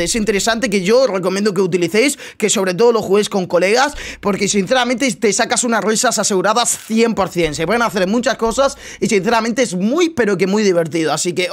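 A man from chatting casually over gameplay, just woken up, slangy and prone to loud teasing shouts. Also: high-pitched. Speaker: gaming streamer.

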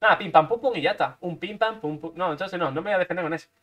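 A man's voice: high-pitched, quick pace, fairly bright tone. A man from Spain, commentating his own gameplay live, playful and full of repeated sound effects. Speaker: gaming streamer.

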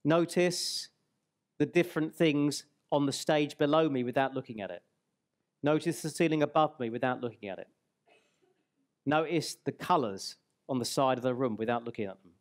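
A man in his forties giving a live seminar on a hall stage into a headset mic, guiding the audience through an exercise and slowing on key words. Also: medium pitch. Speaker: speaker and trainer.

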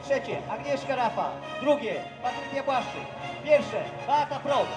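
A man announcing competition results through a megaphone, calling names slowly and formally and often asking for attention. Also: very high-pitched, animated. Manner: formal, slow calls of names with repeated calls for attention. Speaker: event announcer. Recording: echoey loudspeaker sound with music behind.

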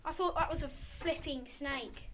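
A woman vlogging outdoors, excitable and quick to get scared, with lots of exclamations. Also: sits high. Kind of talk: casual vlog commentary. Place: outdoors on a cliff walk and at a zoo. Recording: dull lo-fi sound with wind noise outdoors.

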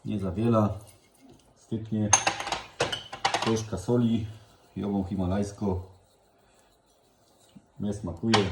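A man with a Silesian accent, chatting in a folksy way as he gives a casual step-by-step cooking demonstration. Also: on the low side. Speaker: home cook hosting a cooking video. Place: indoor kitchen. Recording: echoey room with loud kitchen noise. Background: clattering dishes, cutlery and pans.

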